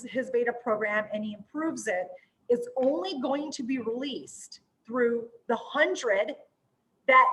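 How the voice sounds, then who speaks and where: Female host, high voice, informal and excitable, casual promo chat. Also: rough recording.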